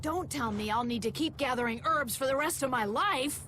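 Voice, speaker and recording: In this video game dialogue, an actress plays a blunt, dramatic married woman from town who is outspoken, quick to take offense, and out gathering herbs. Her high voice moves at a moderate pace, the acting is light, and she sounds reproachful. There is noise in the background.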